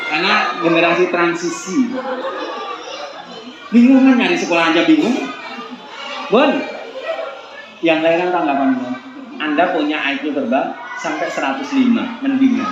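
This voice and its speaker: A man in his forties giving a joking, animated parenting seminar talk and putting questions to the audience. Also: a little high, moderate pace, pauses often, music in the background, a crowd in the background. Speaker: seminar speaker. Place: seminar hall. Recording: echoey hall, dull lo-fi sound, clear room noise.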